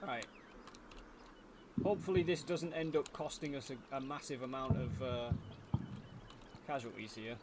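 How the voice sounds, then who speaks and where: Male gameplay commentator, mid-pitched, casual and thinking aloud, with loud game noise and clicks behind him. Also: unhurried, long pauses.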